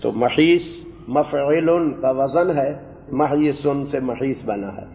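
Man teaching Quran grammar in a reverberant hall. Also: medium pitch. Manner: recites Arabic verses slowly, then explains in quick Urdu. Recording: dull recording with long hall reverb.

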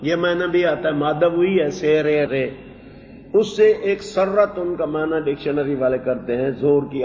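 A man giving a Quran translation lesson. He explains word meanings slowly and repeats phrases. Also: fairly high pitch, slight background noise. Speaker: teacher. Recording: dull echoey hall recording.

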